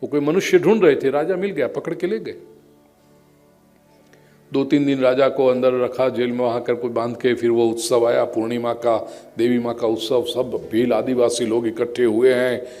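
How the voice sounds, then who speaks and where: A man telling a devotional parable as a sermon, animated, raising his voice as he acts out the characters' cries. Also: medium pitch, normal speed, soft background music. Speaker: spiritual storyteller. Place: large outdoor or hall religious gathering.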